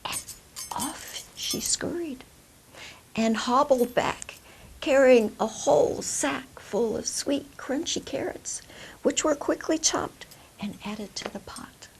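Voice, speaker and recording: A woman telling a folk tale expressively, with dramatic, deliberate phrasing. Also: high-pitched, in a whisper, rough recording. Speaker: storyteller. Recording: clear background hiss.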